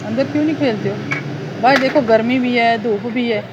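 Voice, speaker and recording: The recording is muffled with a noisy background, and a fan runs in the room. A Pakistani mother with a slightly high voice talks briskly to her small child at home, coaxing them with affectionate, repeated baby talk for a casual vlog.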